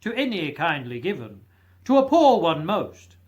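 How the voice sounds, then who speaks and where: A man performs a huge, generous ghost from a storybook. He is hearty and quick to indignation, declaiming with great emphasis. The pitch is high for a male voice and swings widely. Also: very animated, darkish tone. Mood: hearty, emphatic.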